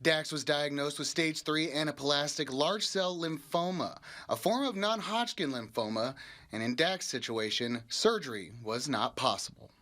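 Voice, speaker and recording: A man's voice: fairly high pitch, animated, moderate pace, sharp tone. A man working as a television news reporter, narrating a scripted feature story.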